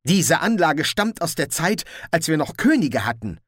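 A man voicing an earnest, calm young watch captain in an audiobook. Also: on the high side, normal speed, dry recording, clean studio sound, voice pushed up.

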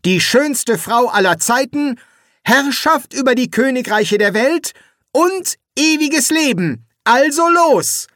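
A man's voice: high-pitched, animated, moderate pace, a bit bright, dry recording, studio quality, pitched above the performer's own voice. A man reading an audiobook and voicing an insistent, commanding young boy who makes demands. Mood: demanding. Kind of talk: audiobook character voice.

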